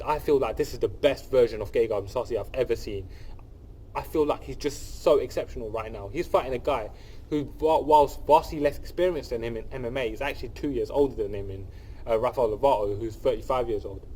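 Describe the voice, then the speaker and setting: On a poor recording with a little hiss or hum, a sniffly young man with a cold hosts his channel and casually, enthusiastically dissects an upcoming fight. His mid-range voice has a dark tone, and he talks alone to camera with frequent repeats, fillers and restarts.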